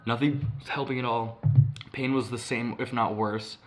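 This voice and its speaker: A man's voice: mid-range voice, steady tone, measured pace, faint music behind. A young man co-hosting a podcast, telling a long story in a rambling, casual way, with lots of swearing and filler words. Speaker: podcast co-host.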